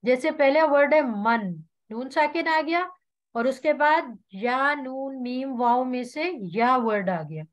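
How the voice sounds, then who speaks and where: Slow high-voiced woman teaching tajweed online. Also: lively intonation. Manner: slow, patient, models each word for students to repeat. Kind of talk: online Quran recitation class. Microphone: video call.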